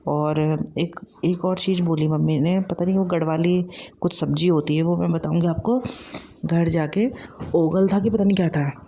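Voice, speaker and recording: A woman's voice: lowish voice, fairly even intonation, moderate pace, dark tone. A woman in her thirties, a mother chatting casually through her daily vlog with a rambling, filler-heavy way of talking. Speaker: vlogger and mother.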